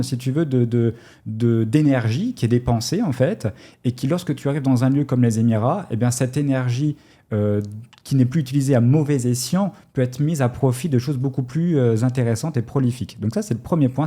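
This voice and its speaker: A man from France with a very dark, mellow voice at an everyday pitch. He speaks as an interview guest, thinking out loud with frequent fillers and restarts. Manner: hesitant, many fillers and restarts. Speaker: guest entrepreneur. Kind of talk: casual interview talk.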